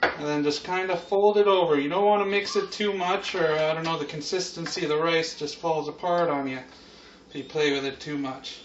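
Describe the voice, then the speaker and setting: A man's voice: a little high, steady tone, a little fast, slight background noise. A man giving a casual, unscripted cooking demonstration as host, with a loose, slangy, laid-back stoner-like way of talking, recorded in a home kitchen on a distant camera mic. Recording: muffled, echoey room, far from mic.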